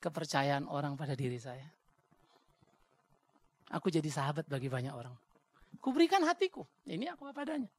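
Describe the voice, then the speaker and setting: A male pastor with a Batak accent preaching a sermon in a blunt, joking, animated way. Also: fairly high pitch, fairly quick, pauses often. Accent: Batak Indonesian.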